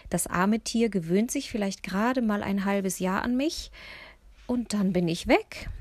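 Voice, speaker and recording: A woman voicing a frail, kindly, slightly muddled very old lady in a children's storybook, in a high, gentle voice. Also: unhurried, dry recording, lightly acted. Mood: amused. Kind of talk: storybook character voice.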